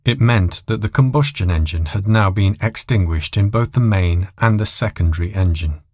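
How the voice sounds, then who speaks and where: Low-voiced man narrating, dry sound. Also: normal speed, a little mellow, dry recording. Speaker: story narrator. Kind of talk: scripted dramatic story narration.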